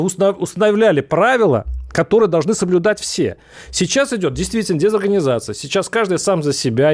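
Higher-voiced male radio host, halting delivery. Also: a little mellow. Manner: halting, repeating and restarting words. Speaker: radio talk show host. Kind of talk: argumentative live political interview.

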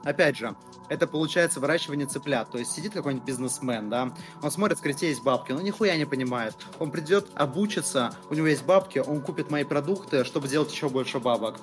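A man's voice: on the high side, fast talker, music in the background. A man in his twenties, a guest entrepreneur talking casually in an interview, slangy and swearing freely. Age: 20s.

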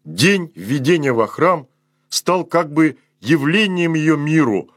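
A man, a priest, reads a sermon aloud in a slow, measured way, letting his voice sink at the close of each phrase. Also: a little high, expressive, breathy edge, no room sound. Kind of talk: solemn read sermon.

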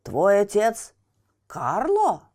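A woman doing a gruff blustering puppet master. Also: medium pitch, huge pitch swings, a little mellow, full character voice. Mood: puzzled. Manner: barking, grumbling, slow.

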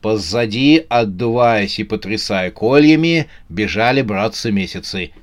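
A man's voice: fairly low pitch, measured pace. Man narrating a comic horror story. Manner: lively, playful storytelling. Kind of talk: scripted audiobook narration.

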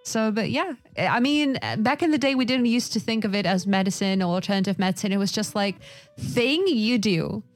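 A woman's voice: medium pitch, normal speed, few pauses, faint music behind. A woman from Russia with a Russian accent, chatting casually in English in a group discussion. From Yakutia, Russia.

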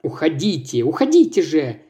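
Man reading a cool young woman, calm, cold, mellow tone, audiobook. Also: on the high side, moderate pace. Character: cool composed young woman, coldly dismissive.

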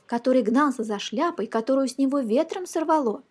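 A woman's voice: sits high, expressive, brisk, darkish tone, husky. A woman voicing a meek, honest male tramp who answers humbly in a storybook reading. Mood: pleading. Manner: humble, pleading replies.

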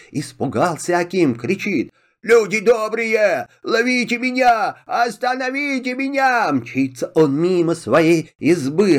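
A man narrating a children's fairy tale in an animated storytelling manner. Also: high-pitched.

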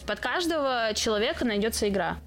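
A woman's voice: fairly high pitch, a little fast. A woman in her twenties from Russia, a guest streamer and esports caster, chatting casually on a podcast and telling stories with acted-out quotes. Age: 20s. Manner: lively storytelling with acted-out quotes.

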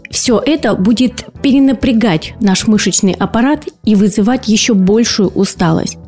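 Soft background music accompanies a woman whose mid-range voice has a darkish tone and a normal pace. A speech and voice therapist, she hosts an educational podcast where she explains patiently and raises rhetorical questions for listeners.

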